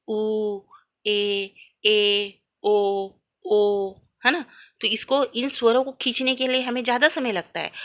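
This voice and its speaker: A woman's voice: fairly high pitch, pushed and bright. A woman teaching a grammar lesson, posing questions to her students and answering them herself, and stretching out sounds to demonstrate them. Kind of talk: classroom-style lesson.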